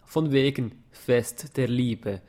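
A man's voice: medium pitch, takes it slowly, dark tone, close to an everyday voice. A man reading a story, voicing a sulky, defiant teenage girl who grumbles and snaps back. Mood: grumbling. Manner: muttering, snapping back.

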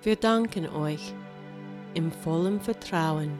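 A woman with an American accent in her German, a native English speaker, leading a guided meditation in measured, solemn short phrases. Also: sits low, over music. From United States. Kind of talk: guided meditation, consecutive translation.

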